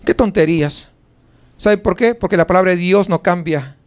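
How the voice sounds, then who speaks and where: A man's voice: sits high, moderate pace, clean tone. A man with a Mexican Spanish accent preaching a sermon as pastor, speaking conversationally with many rhetorical questions and sudden emphatic rises.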